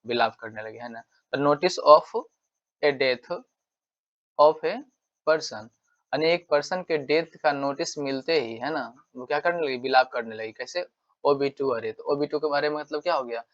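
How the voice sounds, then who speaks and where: A man's voice: a little high, a little slow, a bit bright. A male English teacher giving a casual exam-prep lesson, repeating himself and checking in with tag questions. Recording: dull lo-fi sound.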